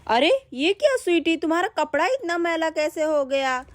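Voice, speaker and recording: A woman's voice: extremely high pitch, sing-song, normal speed, pitched above the performer's own voice. A woman voicing a caring, somewhat strict village mother and sister-in-law in a doll story. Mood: scolding.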